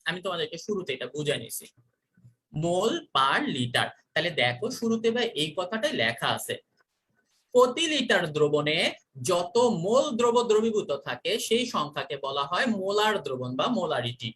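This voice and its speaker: A teacher leads an online chemistry class and quizzes the students by repeating each question. The voice is bright and clear. The pitch rises and falls freely. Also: big pitch swings, moderate pace.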